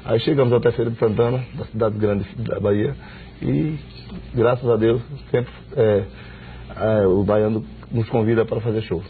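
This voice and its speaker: A man's voice: on the low side, moderate pace, slight background noise. Middle-aged guy from sergipe, laid back, lots of uh, phone-thin studio audio. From Sergipe, Brazil. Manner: relaxed, many hesitant fillers. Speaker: band singer. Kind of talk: casual interview chat. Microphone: lapel. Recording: tinny lo-fi broadcast audio with guitar.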